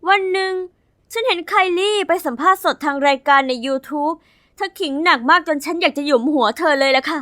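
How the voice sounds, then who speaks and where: A young woman narrating her own animated story as its heroine, chatty, dramatic and confiding. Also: high voice, brisk, no echo, clean studio sound.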